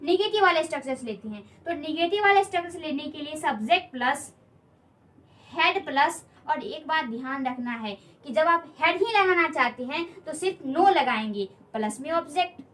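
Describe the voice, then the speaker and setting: तेज़ और ऊँची आवाज़ वाली महिला शिक्षिका. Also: female voice, high voice, animated, moderate pace, fairly bright tone. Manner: patient, repeats key points and asks learners questions. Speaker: English teacher. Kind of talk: spoken English lesson at a board.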